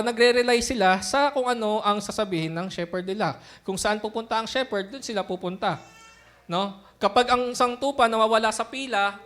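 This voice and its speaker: A young man delivers a sermon in a loose, talky way, his voice sitting noticeably high for a man. He keeps the congregation close with frequent short tag questions, mixing explanation with everyday asides. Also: a bit bright. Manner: conversational Taglish preaching with frequent "no?" tag questions. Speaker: pastor.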